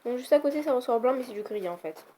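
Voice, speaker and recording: A woman's voice: a little high, animated, fast talker, mellow. A young woman giving a casual, rambling makeup tutorial at home, easily annoyed. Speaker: beauty vlogger. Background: faint noise of passing cars.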